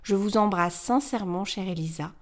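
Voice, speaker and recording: A wistful, grateful woman of seventy-three looks back on a long working life and speaks with tender warmth, as a woman reads her letter aloud. The voice sits at a middling pitch and unfolds softly at a measured storytelling pace. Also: close to an everyday voice. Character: 73-year-old woman, retired textile worker, wistful and grateful. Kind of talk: scripted narration of a letter.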